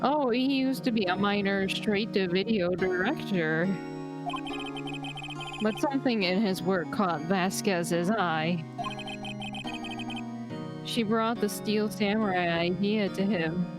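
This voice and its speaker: A woman streamer chatting casually and reading game lines aloud, giggly, on a close, slightly muffled desk mic. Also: mid-range voice. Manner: giggly, unhurried. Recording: game music under the voice. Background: loud game music.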